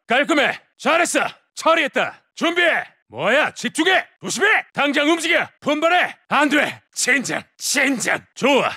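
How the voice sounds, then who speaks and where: A man's voice: very high voice, sing-song, normal speed, hardly any pauses, sharp tone, dry recording, clean studio sound, full character voice. A man voicing a tough, cocky special-forces soldier, delivering clipped combat callouts as video game voice lines. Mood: triumphant. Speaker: military operator.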